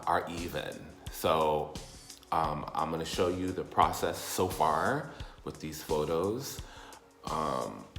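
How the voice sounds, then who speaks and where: A man giving a casual, rambling personal update in halting explanations with repeated words. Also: low voice, fairly bright tone, reverberant. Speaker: vlogger.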